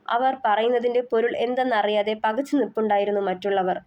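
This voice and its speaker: A woman's voice: fairly high pitch, steady tone, brisk. A woman narrating her own novel in an emotive, literary reading, on a slightly dull recording. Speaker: storyteller and author.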